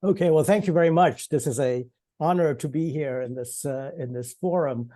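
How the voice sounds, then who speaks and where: A man's voice: a little high, moderate pace, dark tone. A man in his sixties from Sri Lanka, speaking on an online panel in a conversational way, with frequent fillers and restarts. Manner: conversational, many restarts and fillers, laughs lightly.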